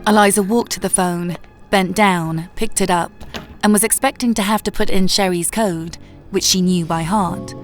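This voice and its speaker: A woman narrating a horror story in a measured, low-key way. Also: fairly even intonation, soft background music.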